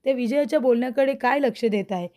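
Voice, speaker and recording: A woman reading the lines of a gentle young wife from a TV serial, pleading and trying to calm someone down. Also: on the high side, fast talker, natural voice. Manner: pleading, soothing.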